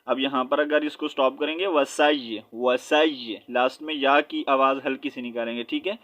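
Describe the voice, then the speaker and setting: A man with a Pakistani accent teaching Quran reading, spelling out letters and vowel marks slowly and asking checking questions as he goes. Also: mid-range voice, steady tone, a bit bright.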